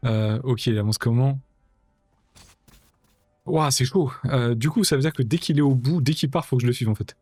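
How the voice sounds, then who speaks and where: A man's voice: mid-range voice, moderate pace, long pauses, a little mellow, breathy edge, dry recording. A man streaming a video game, chatting casually and thinking aloud to himself as he plays. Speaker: gaming streamer. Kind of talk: casual let's-play commentary.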